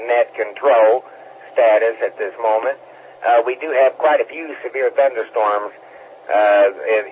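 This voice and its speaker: Net control man, mid-pitched, orderly, phone-thin radio with faint hiss. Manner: orderly, relaxed, filler-heavy. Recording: tinny radio with faint static.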